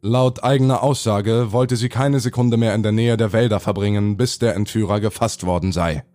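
A man's voice: fairly low pitch, steady tone, normal speed, darkish tone, no echo, studio quality, faint music behind. A man narrating a scripted horror audio drama in a formal, report-like way.

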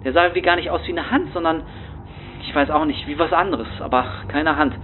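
A man's voice: on the high side, fairly quick, slight background noise, lightly acted. A man playing a rattled young homeless man who rambles anxiously in street slang, as a first-person horror story monologue. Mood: shaken. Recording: tinny phone-like sound.

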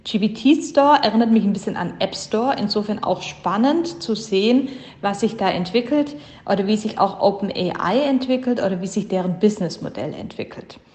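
Woman on an echoey low-quality voice message. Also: expressive, a little mellow. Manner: brisk, upbeat, lightly correcting herself. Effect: low-quality voice message recording. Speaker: podcast co-host. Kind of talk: quick spoken news update.

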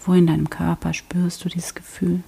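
Low husky half-whispering woman. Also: little pitch movement. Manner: soft, slow, half-whispered. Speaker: prayer guide. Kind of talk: guided prayer meditation.

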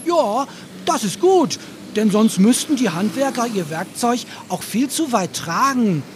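A performer voicing Kasper, an excitable, curious puppet jester in a children's audio play. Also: mid-range voice, unhurried, slight background noise, natural voice. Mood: eager. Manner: curious, asks many questions. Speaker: puppet character.

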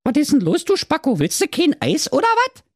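Bratty little goat kids. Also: male voice, wildly swooping pitch, fairly quick, dry recording, clean studio sound, full character voice. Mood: cheeky. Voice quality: shrill put-on squeak. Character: cheeky young goat kids, rude and mouthy.

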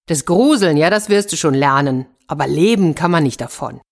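A stern old father, weary and quick to scold, with a somewhat lowered voice, as a woman storyteller puts him on. He sighs over his useless son in a children's storybook reading. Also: animated.

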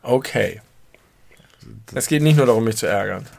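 A man's voice: lowish voice, moderate pace, creaky, darkish tone. A man co-hosting a podcast, chatting casually and joking while he nitpicks word stress. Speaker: podcast co-host. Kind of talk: casual chat.

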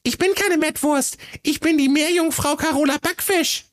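A cheeky young mermaid princess from a comic storybook, pitched very high with a shrill edge. She snaps and mocks in a quick, sassy rattle. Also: fairly bright tone. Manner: snappy, mocking, quick-tongued.

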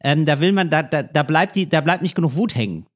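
A man's voice: on the high side, expressive, brisk. A man co-hosting a casual podcast, playful and musing as he rambles through his own theories. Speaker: podcast co-host. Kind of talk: casual chat.

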